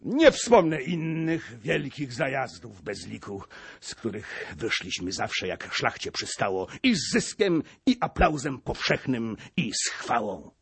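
A man voicing a grim, vengeful old male servant, declaiming in rhymed verse with a husky voice. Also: mid-range voice, very animated, measured pace, fairly bright tone, full character voice. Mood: bitter.

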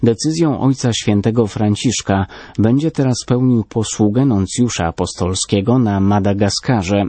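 Male newsreader, low mellow voice, dry close read, formal. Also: no echo. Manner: measured, formal. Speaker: news reader. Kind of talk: scripted news reading.

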